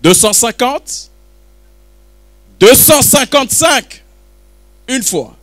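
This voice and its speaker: At a book launch, a man runs a live auction with joking patter, calling and repeating bids while teasing the crowd. His voice is very high and animated, very slow, with a fairly bright tone.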